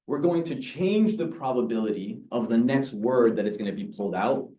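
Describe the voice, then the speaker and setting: Energetic man presenting in an echoey room. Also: mid-range voice. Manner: energetic, explains with examples and asks the audience. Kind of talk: live talk to a meeting audience. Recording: echoey room, mic from far off.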